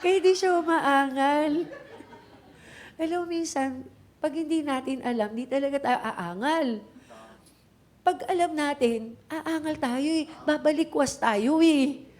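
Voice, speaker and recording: A woman's voice: high voice, measured pace. A middle-aged Filipino woman pastor preaching a sermon, switching between Tagalog and English and acting out the voices in her stories. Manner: animated storytelling, mixes Tagalog and English, acts out voices in quotes.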